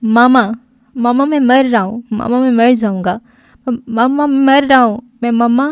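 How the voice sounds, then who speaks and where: A woman voicing a fragile, volatile young man who is crying, pleading and shouting in despair. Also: a little high, no echo, studio quality, natural voice. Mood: sobbing pleading. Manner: sobbing, pleading, frantic.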